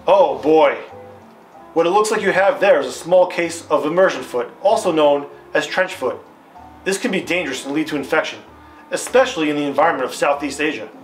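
Over background guitar music, an American man plays an upbeat, authoritative army captain instructing viewers in a retro military training film. His scripted delivery is formal, didactic, instructive, and assured, in a slightly high voice that is a little fast and close to everyday speech.

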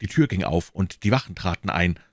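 Deep-voiced man narrating a classic novel. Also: brisk, no room sound, clean studio sound. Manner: expressive, varied narration. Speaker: audiobook reader. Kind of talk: reading a classic novel aloud.

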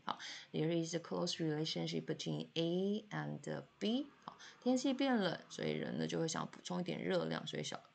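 Female teacher, lowish gravelly voice, patient filler-laden explaining. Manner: frequent filler particles, patient step-by-step explaining. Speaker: high school English teacher. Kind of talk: vocabulary lesson explaining words.

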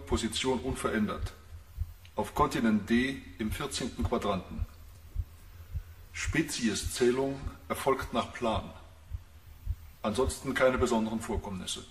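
A man's voice: medium pitch, close to an everyday voice. An actor playing a brusque, scornful male field explorer in a German radio play, clipped, over a radio transmission. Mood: clipped, official. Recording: echoey, noisy radio transmission.

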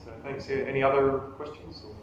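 The lo-fi recording catches a man in his thirties talking fast in a flat, mid-range voice during a casual live talk with questions. He mocks himself and keeps restarting his sentences, and because a table camera across the small meeting room records him, he sounds far away and heavily echoey, with faint noise behind him.

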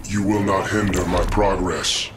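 An actor playing a cold, superior alien android villain in a video game, formal, emotionless and menacing. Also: male voice, sits low, flat delivery, unhurried, loud music behind the voice.

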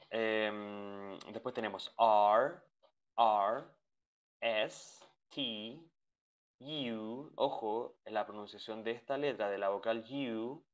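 A man teaching an English class over a video call, patiently repeating each sound and checking in with his students. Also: fairly low pitch. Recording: dull lo-fi call audio.

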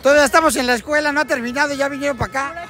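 A man's voice: extremely high pitch, rapid-fire. A man with a Mexican accent hosting a crude, teasing street vlog, joking with fans outdoors. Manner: teasing, profane, chanting, laughing. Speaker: vlogger host interviewing fans. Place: outdoors in a busy crowded street outside a stadium. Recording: loud crowd and street noise.

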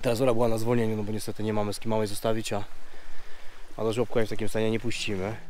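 A man's voice: lowish voice, level tone, rapid-fire, a little mellow. Slightly nasal man, casual vlogging. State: mild cold. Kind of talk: casual vlog chat to camera. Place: outdoors, open meadow and riverside trees. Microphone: camera at arm's length.

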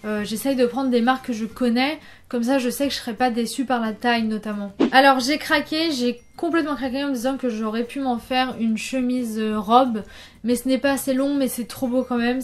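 Young female vlogger, high-pitched, bubbly and chatty with many fillers, casual try-on haul talk. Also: steady tone, a little fast. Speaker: fashion vlogger.

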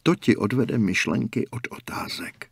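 A man voicing a calm, cryptic older male gas station attendant in an audiobook, speaking slowly and matter-of-factly in a hushed, half-whispered way. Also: medium pitch, gravelly, breathy edge, dry recording, studio quality.

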